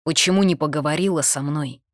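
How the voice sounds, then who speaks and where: A woman reading the lines of a tormented young male mage in an audiobook, low-voiced and pleading. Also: fairly quick, no echo, clean studio sound, natural voice. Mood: desperate. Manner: tense, then pleading and desperate.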